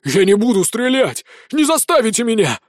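A drunk, desperate young man who shouts and threatens, unhinged with panic, as a man voices him in an audiobook. The voice rises high into strained yelling. It is recorded close and dry. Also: sing-song, normal speed, dry recording. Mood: hysterical.

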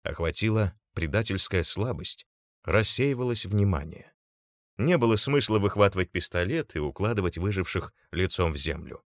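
A man reading an audiobook aloud in measured, even storytelling. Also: sits low, dry recording, clean studio sound. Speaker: audiobook narrator. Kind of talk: scripted audiobook narration.

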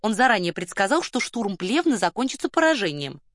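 A woman reading a bright young heroine. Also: medium pitch, big pitch swings, fairly quick, dry recording, clean studio sound. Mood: lively. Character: cheerful young Russian woman, quick-witted.

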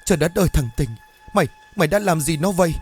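A man's voice: medium pitch, moderate pace, a little mellow, faint music behind, lightly acted. A man voicing a frightened middle-aged mother who pleads with her possessed child, desperate and tearful, in a horror audiobook. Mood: shrieking.

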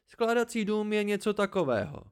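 A man's voice: sits high, very animated, clear, resonant tone, voice pushed up. A man doing a wise, scornful old hermit. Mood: lecturing. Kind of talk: amateur audiobook reading.

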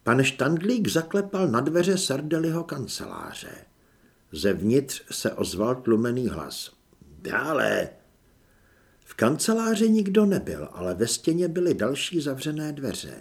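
A male narrator reads a novel in a medium-pitched voice. His delivery swings widely in pitch, and he dips into hushed, dramatic phrases. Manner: expressive, with dramatic hushed drops. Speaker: audiobook narrator. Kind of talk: scripted audiobook narration.

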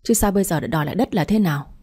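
Aggrieved village wife, indignant and wailing, low husky warm voice, read by a woman storyteller. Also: lively intonation, racing.

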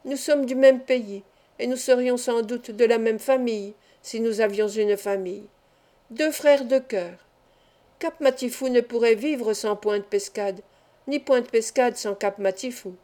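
A woman's voice: fairly high pitch, measured pace, dark tone, lightly acted. A woman reading an audiobook, voicing a cheerful young male acrobat with a chatty, showman-like patter. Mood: earnest.

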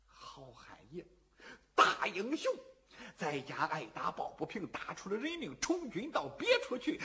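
A storyteller voicing a timid but shrewd old man who mumbles, lowering and hushing his voice. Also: heavily acted. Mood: puzzled. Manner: mumbling, low and hushed, wheedling. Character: old male bystander, timid, shrewd, mocking. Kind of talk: traditional storytelling performance.

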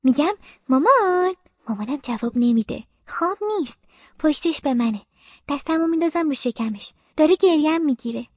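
A woman narrating a story as a young girl in the first person, childlike and expressive, with playful sound effects, on a slightly muffled dry recording. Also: sits high, dry recording. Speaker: audiobook narrator.

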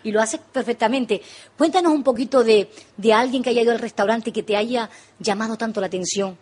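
A woman hosting a radio interview, her voice a little husky and set somewhat high. She asks questions and keeps encouraging her guest with short affirmations. It sounds like a radio studio interview. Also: brisk, darkish tone. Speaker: radio host.

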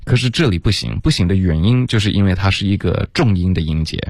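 A man teaching English pronunciation on a radio lesson, slipping English words into his talk and saying words over slowly. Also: low voice, expressive, a little mellow, no room sound, studio quality.

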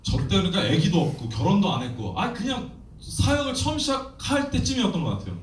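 A man in his thirties, a missionary preacher telling his story in a sermon, acting out quotes with lively energy. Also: high-pitched, quick pace. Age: 30s. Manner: animated storytelling with acted quotes. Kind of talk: sermon testimony. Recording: echoey hall, distant mic, faint noise.

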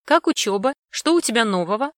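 A woman reading aloud and voicing a caring, worried middle-aged mother who talks loud and bright. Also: fairly high pitch, animated, brisk, dry recording, studio quality, pitched above the performer's own voice, lightly acted. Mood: fussing, caring.

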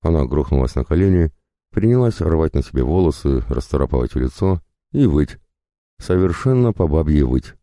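A man narrating a first-person fantasy audiobook, reading in an expressive, conversational way. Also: a bass voice, moderate pace, no echo, studio quality.

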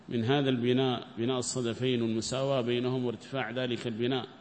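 A man giving a verse-by-verse scripture lesson, quizzing his listeners with quick rhetorical questions. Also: mid-range voice. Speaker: Quran teacher. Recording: echoey hall with faint background noise.

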